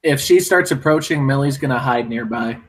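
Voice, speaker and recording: A man's voice: mid-range voice, moderate pace, poor audio. A man playing a tabletop game, asking unsure questions about what the group should do. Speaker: player. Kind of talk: casual tabletop game play.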